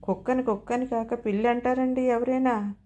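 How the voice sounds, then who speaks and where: A woman reading the part of an eager young bachelor friend in a storybook, speaking in a hushed, murmuring way. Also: on the high side, steady tone, normal speed, voice pushed up, lightly acted. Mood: nervous. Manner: hushed, whispering in the ear.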